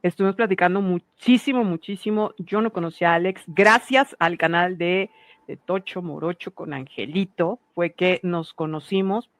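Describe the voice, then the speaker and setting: A woman's voice: fairly low pitch, dry recording. A woman hosting a channel and interviewing a guest over a video call, friendly and full of questions. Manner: friendly, inquisitive, quick questions. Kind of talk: casual interview chat.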